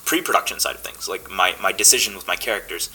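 A young man chats casually on a podcast, loose and full of fillers and restarts. His voice sits a little low but sounds bright and forward. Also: fast, breathy edge, poor audio. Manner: relaxed, chatty, many fillers and restarts. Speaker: podcast guest, actor.

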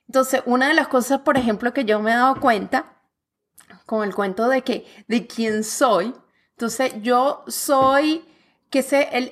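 A woman from Venezuela with a Venezuelan accent, speaking as a guest in a relaxed, expressive conversation. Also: high-pitched. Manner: lively, expressive, talks with her hands. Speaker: guest author. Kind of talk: casual conversation. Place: lives in Canada.

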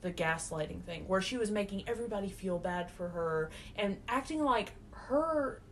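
Twenty-something woman ranting on a podcast, mid pitch, animated, light hiss in the back. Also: moderate pace. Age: 20s. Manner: indignant, animated. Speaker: podcast co-host. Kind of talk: casual chat. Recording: faint background noise.

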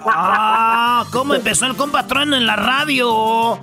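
A man's voice: very high voice, a little slow, bright, forceful tone, faint music behind. A man hosting a comedy radio show, playful and slangy, teasing a caller. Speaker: radio host. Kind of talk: joking radio banter.

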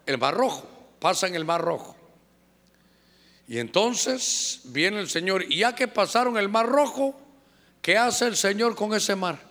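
A man's voice: high voice, animated, unhurried, pushed and bright. A male pastor preaching a fervent sermon, firing rhetorical questions at his congregation in a large church hall. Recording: echoey church hall reverb.

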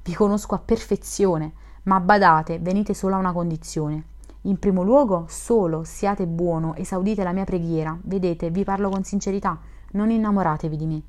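A woman reading the part of a mysterious young woman in a classic novel, in a frank, gently teasing manner. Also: on the low side, fairly even intonation, normal speed, close to an everyday voice.

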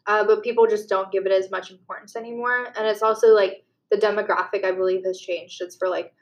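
A woman's voice: medium pitch, steady tone. A young woman co-hosting a podcast, talking casually in a slightly nasal voice, saying yeah often and laughing at herself. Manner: chatty, quick to laugh at herself. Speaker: podcast co-host.

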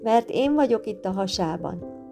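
A woman's voice: expressive, vocal fry. A woman voicing a tiny, brave and cheeky boy in a storybook reading, with guitar music behind. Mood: calling. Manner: shrill shouting.

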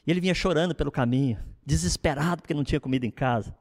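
A middle-aged man, a pastor, preaching a sermon in an animated, conversational way with frequent asides to the congregation. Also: a little high, very fast, in a large hall.

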